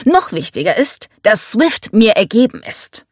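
A woman's voice: medium pitch, sing-song, measured pace, no echo, studio quality, voice pushed up. A woman reading the part of a domineering, scornful rich American father in an audiobook. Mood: commanding, scornful. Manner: commanding, scornful.

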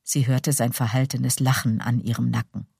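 A woman reading a novel aloud as an audiobook narrator, calm and measured. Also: rumbling low, vocal fry, slightly rough, no echo, studio quality.

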